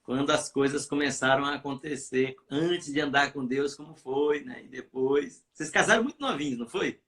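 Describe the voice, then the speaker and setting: A man's voice: medium pitch, moderate pace, fairly bright tone. A man with a Brazilian accent, a pastor hosting a church live stream in casual chat, rambling with many fillers and restarts. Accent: Brazilian Portuguese.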